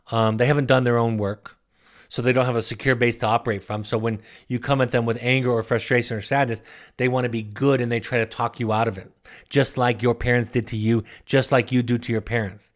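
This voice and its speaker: An earnest man who works as a therapist answers listener questions on a broadcast. His voice sits at an ordinary middle pitch. He often stumbles over and repeats his words, then slows right down to stress a point.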